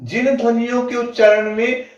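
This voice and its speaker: A man teaching an exam-prep grammar lesson. He asks the class questions, answers them himself, repeats definitions slowly with drawn-out words and keeps saying "ठीक है". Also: very high-pitched, little pitch movement. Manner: fills gaps with "ठीक है". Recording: echoey, distant, dull lo-fi room sound.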